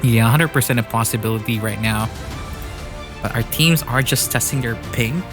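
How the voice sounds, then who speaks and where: A man's voice: mid-range voice, normal speed. Male online esports caster, casual and chatty, strong game music bed. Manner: chatty, laughs often, thanks sponsors.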